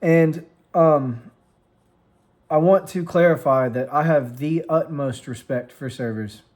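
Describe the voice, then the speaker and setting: An American vlogger and streamer in his twenties, late in the decade, speaks in a fairly high, darkish voice close to a studio microphone. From his room of lights and plants, cat on his lap, he offers an earnest, meandering reflective vlog, full of restarts and pauses that trail away, unscripted.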